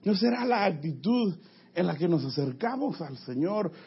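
A man preaching a sermon in an emphatic style, his voice swinging from loud to quiet. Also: sits high, sing-song, normal speed, breathy edge. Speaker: pastor. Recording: dull lo-fi sound.

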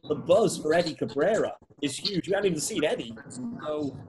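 Enthusiastic podcast host, a man from the UK, slightly raised pitch, chatty. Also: lively intonation, brisk, background noise. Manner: upbeat, enthusiastic interviewer. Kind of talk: casual podcast chat.

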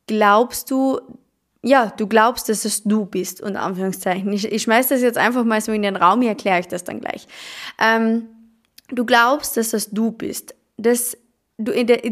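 Woman hosting a chatty podcast. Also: mid-range voice. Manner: many fillers, repeats words for emphasis. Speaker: podcast host. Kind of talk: casual self-help podcast talk.

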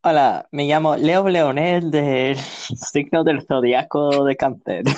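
A man's voice: on the high side, darkish tone. Laid-back man on dull lo-fi audio. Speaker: guest. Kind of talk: casual interview chat.

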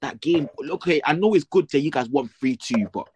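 A man's voice: a little high, lively intonation, brisk, background noise. A young man with a slangy London roadman accent, bantering casually as a football panellist. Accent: London, urban street slang.

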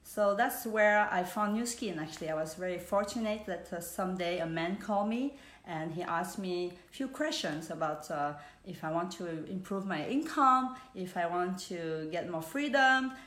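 Softly low woman with roomy echo. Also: normal speed. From Switzerland. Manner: hesitant, many fillers, warm greetings. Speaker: business speaker. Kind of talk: live online presentation.

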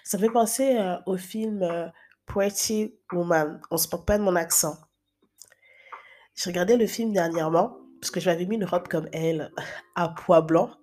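A woman's voice: fairly low pitch, normal speed, a little mellow. A woman in her thirties giving casual, chatty advice to young viewers, with frequent fillers and restarts. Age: 30s. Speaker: advice vlogger.

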